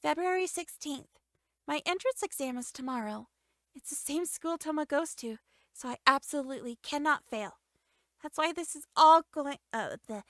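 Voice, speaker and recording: A woman voicing a shy, earnest young heroine in a game, speaking in a soft, wistful way. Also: sits high, dry recording, clean studio sound. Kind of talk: game dialogue voice acting.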